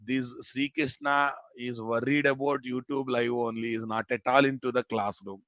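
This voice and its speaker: A man's voice: medium pitch, steady tone, normal speed, a bit bright, dry recording. A man with a Telugu Indian accent teaching a live programming class, informally bantering with students and repeating phrases and questions for emphasis. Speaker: programming instructor.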